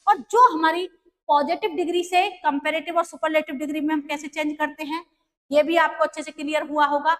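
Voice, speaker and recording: A woman's voice: high-pitched, steady tone, brisk, a bit bright. A woman teaching an English grammar lesson, explaining patiently and repeating key terms.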